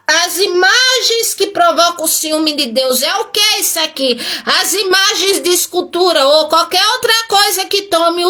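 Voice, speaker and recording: A woman's voice: sits high, sharp tone. A woman pastor preaching a sermon, emphatic and full of rhetorical questions.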